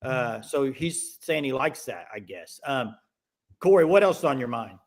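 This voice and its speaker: A man's voice: medium pitch, animated, measured pace. A man hosting a casual live sports call-in show, talking conversationally to callers and viewers.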